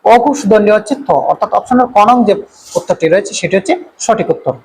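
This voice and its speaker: A male teacher going through exam multiple-choice questions, repeating each question and reading out the options before giving the answer, with drawn-out "uh" fillers. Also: sits high, darkish tone, husky, rough recording.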